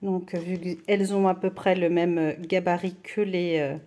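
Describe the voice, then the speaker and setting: A woman's voice: lowish voice, a little slow. A woman giving a patient, step-by-step knitting tutorial, talking her viewers through each stitch with small hesitations. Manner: calm, patient instruction with frequent "hop" and hesitations. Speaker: host of a knitting and crochet channel.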